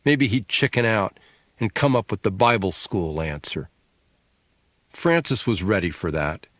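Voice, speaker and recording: A man reading an audiobook in a measured, expressive storytelling manner, close to the mic. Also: fairly low pitch, no room sound. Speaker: audiobook narrator. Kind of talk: scripted narration.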